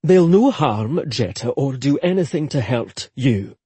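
A man's voice: medium pitch, very animated, dark tone, slightly rough, no room sound, exaggerated voice. A man doing a solemn young Scottish brother. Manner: solemn, measured.

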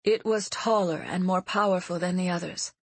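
A woman reading as a frightened, earnest young woman who talks quickly and anxiously. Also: lowish voice, fairly even intonation, breathy edge, dry recording. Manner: anxious, tumbling out words.

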